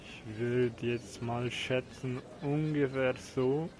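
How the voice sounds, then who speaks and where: Slow, halting man streaming, noisy background. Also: mid-range voice, steady tone, darkish tone. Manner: halting, thinking aloud. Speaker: live streamer playing a golf game. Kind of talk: casual game stream commentary. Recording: noisy stream with game ambience behind.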